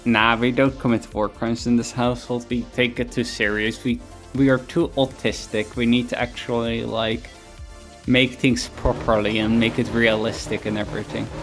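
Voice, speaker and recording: A man's voice: mid-range voice, flat delivery, moderate pace, a bit bright. A man streaming a game from home, chatting casually in a rambling, self-mocking way that often trails off. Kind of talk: casual chat while gaming. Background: game music.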